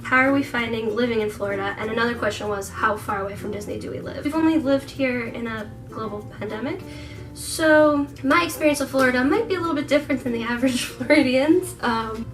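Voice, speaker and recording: A woman's voice: fairly high pitch, fairly quick, distant mic, soft background music, low-quality recording. A woman in her twenties, from the Netherlands, co-hosting a casual question-and-answer vlog and laughing often as she chats. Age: 20s. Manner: chatty and giggly, laughs often. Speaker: vlogger co-host. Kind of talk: casual Q&A chat.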